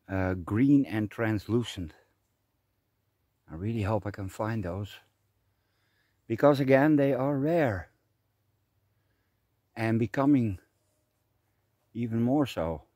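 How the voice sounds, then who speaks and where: A man walks a rainy forest trail, chatting in a rambling way to the camera on his tripod. His voice is mellow and dark, his pace slow and easy, and the sound is dry and close. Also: on the low side, no room sound. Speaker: vlogger. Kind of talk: casual outdoor vlog narration. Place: outdoors on a forest trail in light rain.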